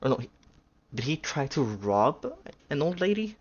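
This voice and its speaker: A man's voice: on the high side, very animated, moderate pace, husky. Rambling man reacting on a dull mic. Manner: rambling, unsure, full of fillers and self-corrections. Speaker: reaction streamer. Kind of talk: casual reaction commentary.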